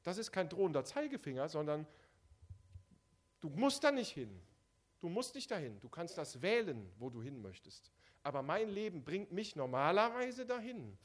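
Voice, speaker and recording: Very animated and at a normal pace, a man delivers an evangelistic sermon directly to his listeners. His slightly high voice swings widely, dropping quiet and then pushing loud for emphasis.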